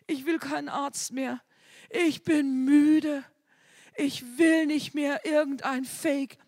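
A woman's voice: sits high, fairly even intonation, slow, no room sound. Older woman, preacher, fervent sermon, chatty testimony, dry close recording. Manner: fervent, rising to loud declarations; chatty storytelling with quoted dialogue.

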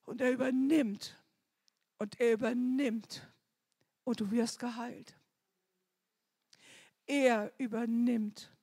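Husky woman preaching with fervor. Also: fairly high pitch, steady tone, slow pace, pauses often. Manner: fervent, swings from soft near-whispers to loud cries. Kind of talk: sermon.

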